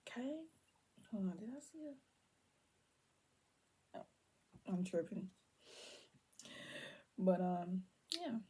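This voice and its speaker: A young woman giving a casual tarot reading to viewers, keeping her voice down and slipping between low talk and soft whispers. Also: animated, slow pace, long pauses, slight background noise. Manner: holds her voice down on purpose. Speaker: tarot reader.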